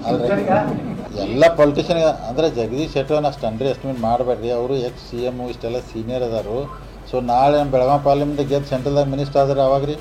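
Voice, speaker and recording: A man answers reporters in a quick, colloquial, direct way. A crowd is clearly audible around him. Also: medium pitch, fairly even intonation, rough recording. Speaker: politician speaking to reporters.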